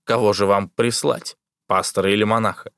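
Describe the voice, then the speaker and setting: A man's voice: lowish voice, steady tone, fairly quick, fairly bright tone, clean tone, dry recording, clean studio sound. A man reading the part of an army surgeon who speaks coldly and without feeling. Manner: cold, detached. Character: cold, matter-of-fact male army surgeon.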